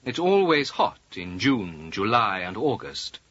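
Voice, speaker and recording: A man speaking slowly and carefully in a scripted language-course dialogue. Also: fairly low pitch, big pitch swings, a bit bright, dry recording. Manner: slow, careful, clearly spaced delivery. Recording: dull lo-fi audio.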